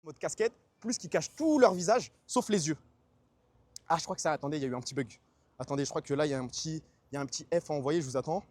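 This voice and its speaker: Casual male streamer voice, rapid slangy chat, a bit high, dry sound. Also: a little mellow, no room sound. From France. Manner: fast, slangy, chatty, answers chat.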